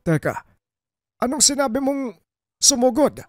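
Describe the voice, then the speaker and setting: Man doing gentle old villager, high raised voice, measured and pleading, dry close sound. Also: very animated, no echo, heavily acted. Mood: calm pleading.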